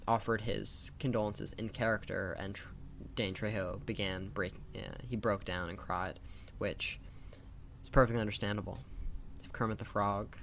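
Male host, lowish pitch, opinionated casual commentary, slight background noise. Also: fairly bright tone. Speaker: podcast host. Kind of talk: casual film-trivia commentary.

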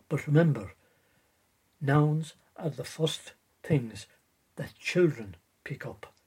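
A man giving an educational talk in a measured way, repeating words and spelling them out. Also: mid-range voice, a little mellow, slightly rough. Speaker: presenter.

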